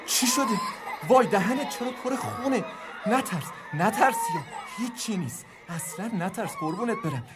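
A woman's voice: fairly high pitch, sing-song, over a noisy crowd, very noisy. A woman acting a panicked parent who comforts a hurt child, frantic and pleading, close to tears. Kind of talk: dramatized sketch. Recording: music playing underneath.

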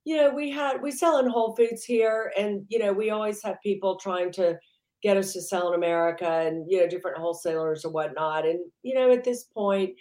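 A woman's voice: mid-range voice, a little fast, darkish tone, reverberant. A woman entrepreneur being interviewed, chatting casually and rambling with lots of "you know" fillers. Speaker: entrepreneur guest.

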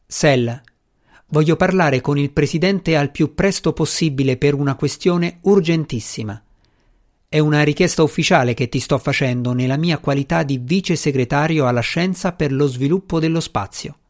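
A man's voice: a little high, normal speed, a little mellow, close to an everyday voice. A man voicing a frustrated, insistent male space official who speaks urgently and presses his point.

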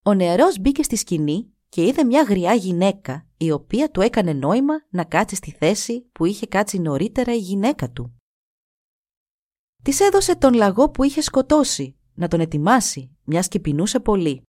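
A woman tells a folk tale in an animated, scripted narration, her pitch rising and falling widely. She is close to the mic in a dry space with no echo. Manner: animated, shifts into voices. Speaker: storyteller.

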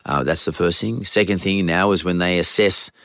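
An Australian man hosting a podcast in conversational, off-the-cuff talk, his voice croaky from a cold. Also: low-pitched, steady tone, moderate pace, fairly bright tone, dry recording, studio quality. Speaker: podcast host. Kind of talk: unscripted solo podcast talk on news and economics.

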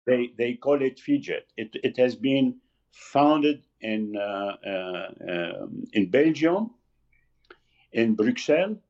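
Halting man, lo-fi audio. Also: mid-range voice, lively intonation, a little mellow. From Lebanon. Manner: halting, searching for words. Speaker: magazine founder, guest. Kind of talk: casual interview talk. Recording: slightly dull lo-fi audio.

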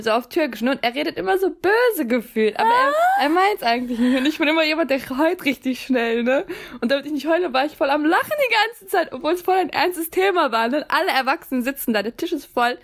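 A woman's voice: high voice, expressive, fast, hardly any pauses. Giggly young woman podcast host. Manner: laughs often, mixes English into German. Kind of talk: casual chat.

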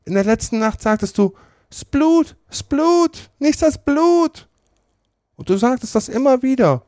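A man reading aloud and voicing a whiny young boy who tattles in a shrill, high voice. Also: lively intonation, unhurried, darkish tone, dry recording, studio quality. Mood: whiny prying.

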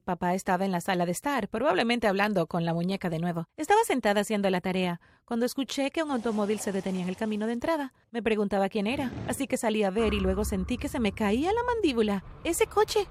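Excitable woman narrating a story. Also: mid-range voice, fast, few pauses, a little hiss or hum. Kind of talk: first-person story narration.

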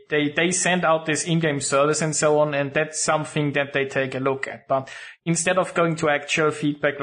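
A man with a somewhat higher-pitched voice, talking in an easy, conversational way. He reads questions aloud and then adds his own comments. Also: a bit bright. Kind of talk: casual chat.

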